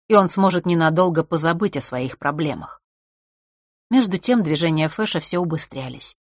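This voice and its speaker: Audiobook narrator: a woman with a lower voice and a dry, close recording. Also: no echo. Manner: even, measured storytelling. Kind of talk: scripted narration.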